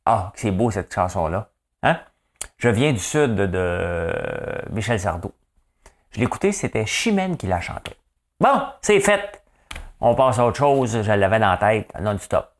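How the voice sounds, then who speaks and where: A middle-aged man with a Quebec French accent and a somewhat low voice delivers a casual morning news monologue. He is a chatty farmer who speaks his mind and keeps checking in with the listener. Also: animated, measured pace. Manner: chatty, rhetorical, keeps asking "hein?". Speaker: podcast host and farmer.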